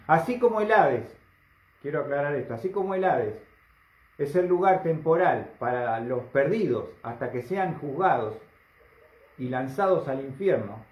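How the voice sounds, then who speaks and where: A man preaching a sermon, emphatic and full of rhetorical questions to the congregation. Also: mid-range voice. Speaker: pastor. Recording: roomy, slightly dull recording.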